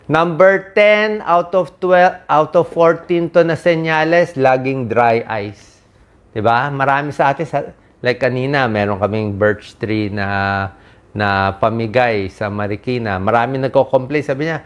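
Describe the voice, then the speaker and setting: An older man, a doctor, giving casual health advice to viewers in plain, reassuring explanations with frequent asides. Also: mid-range voice.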